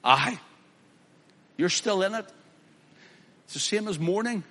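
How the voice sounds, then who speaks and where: A male preacher, his voice high and bright. He preaches emphatically, rising to loud declamations and dropping to soft, personal appeals. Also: expressive, slow. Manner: emphatic, swings from loud declaiming to quiet pleading. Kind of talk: sermon.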